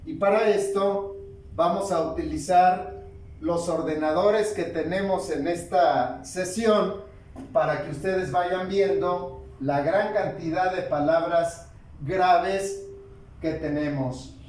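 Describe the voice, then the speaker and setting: A man teaching a spoken grammar lesson, slow and deliberate, asking questions and answering them himself. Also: high voice, darkish tone, recorded from a distance. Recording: echoey room, voice from off-mic.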